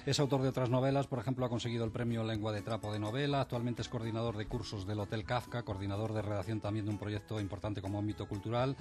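A man's voice: on the low side, steady tone, quick pace, hardly any pauses, darkish tone. A man with a Spanish accent introducing books and guests on radio in a conversational style. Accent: Spain. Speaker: radio book reviewer. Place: radio studio.

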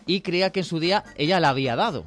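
A man's voice: on the high side, fast, fairly bright tone, soft background music. A man in his forties co-hosting a radio show, chatting and reading out listener messages. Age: 40s. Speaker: radio co-host.

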